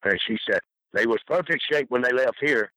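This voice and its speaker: A man's voice: mid-range voice, moderate pace, sharp tone, no room sound, low-quality recording. An older American man, rambling through folksy, colloquial anecdotes as an interview guest. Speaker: interview guest telling career stories. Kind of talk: rambling anecdotal casual talk.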